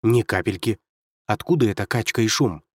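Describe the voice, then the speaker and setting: A man's voice: fairly low pitch, normal speed, slightly rough, no room sound. Bewildered young man, voiced by a male narrator: plaintive, confused, dry recording. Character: bewildered, fretful young man out of his depth. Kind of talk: audiobook character voice.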